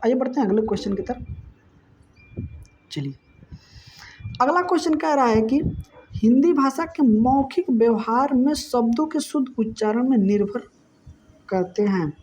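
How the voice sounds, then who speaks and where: A woman teacher works through exam questions in an exam-prep lesson, explaining answers conversationally and often checking in with "ठीक है" ("okay"). Her voice is a little high, expressive, and darkish, at normal speed with frequent pauses. The lo-fi recording sounds dull, with slight background noise.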